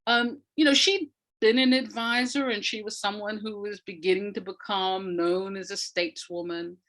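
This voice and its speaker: Speaking as a guest in an interview, an American woman who writes audio dramas talks things through thoughtfully and conversationally, frequently searching for words and emphasizing important points. Her voice is medium-pitched, steady, and fairly bright, at normal speed.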